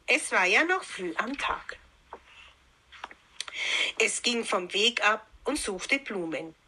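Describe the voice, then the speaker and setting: A woman reading a fairy tale aloud in a calm, unhurried storytelling manner. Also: medium pitch, a little hiss or hum.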